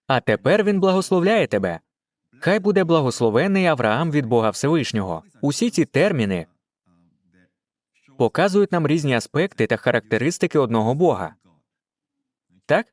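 Lively male pastor, dry close sound. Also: mid-range voice, no echo. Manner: teaching, asks listeners questions. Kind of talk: Ukrainian voice-over of a Bible teaching.

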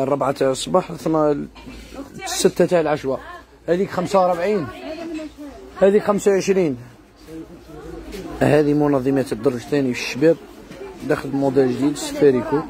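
Give me a quick Algerian shopkeeper, a man hawking housewares in a fast patter over crowd noise. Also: a little high. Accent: Algerian Arabic. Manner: calls out prices and addresses customers directly. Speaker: shop salesman. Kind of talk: rapid sales patter. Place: busy housewares shop.

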